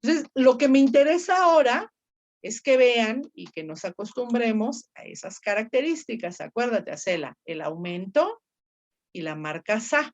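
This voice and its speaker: A woman's voice: on the high side, expressive, moderate pace, muffled recording. A woman teaching Ancient Greek grammar, explaining patiently step by step and quizzing her students. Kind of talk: online grammar lesson.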